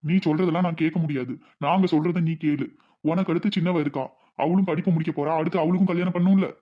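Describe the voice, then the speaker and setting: A man's voice: a little high, fairly even intonation, quick pace, highs cut off, natural voice. A man voicing a stern bossy village father. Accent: Tirunelveli Tamil. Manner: bossy, lecturing.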